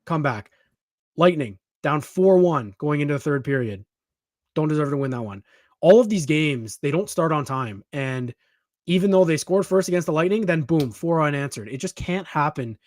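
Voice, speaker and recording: Guy co-hosting a sports podcast, kinda high voice, punchy and emphatic, dry close mic. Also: moderate pace, no room sound. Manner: emphatic, animated, frequent restarts. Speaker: podcast co-host. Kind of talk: casual sports talk.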